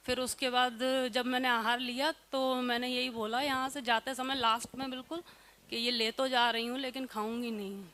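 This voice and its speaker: A woman's voice: a little high, little pitch movement, normal speed, bright, forceful tone. A housewife earnestly recounting her personal story in plain, simple words. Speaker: housewife sharing testimony. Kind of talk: emotional personal testimony.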